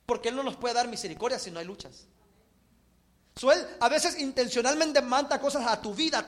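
A man's voice: extremely high pitch, fairly bright tone. A male pastor preaching a sermon with English words mixed into his talk, acting out little dialogues as he goes.

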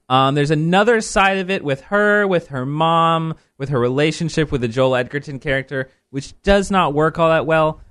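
A man hosting a casual film review chat, rambling and correcting himself as he goes. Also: medium pitch. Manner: lively, rambling, self-correcting. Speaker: podcast host.

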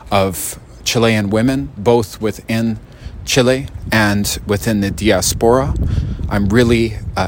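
A male radio host with a very low voice introduces the program, pausing often on fillers. Faint noise sits behind him. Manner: hesitant, many fillers.

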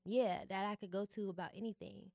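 A woman's voice: mid-range voice, brisk, gravelly, no echo. A young woman, chatting candidly as a guest in a studio interview, full of fillers. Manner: relaxed and candid, many fillers. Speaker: guest, artist and founder. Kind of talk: casual interview chat.

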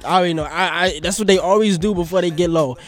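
A man telling crude stories in a casual chat, animated and laughing often. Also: sits high, fast.

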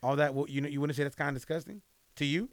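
A man's voice: fairly high pitch, racing, no room sound. A man co-hosting a podcast in casual chat, slangy and swearing, laughing often. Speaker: podcast co-host.

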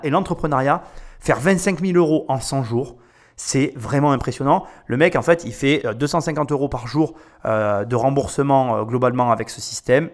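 A man giving casual, emphatic commentary as host while reacting to a business pitch. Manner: chatty, informal, emphatic.

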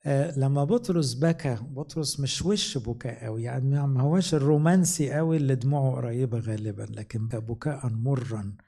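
Gravelly Egyptian priest preaching. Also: male voice, medium pitch, dark tone. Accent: Egyptian Arabic. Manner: conversational preaching with slow scripture readings. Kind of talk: sermon.

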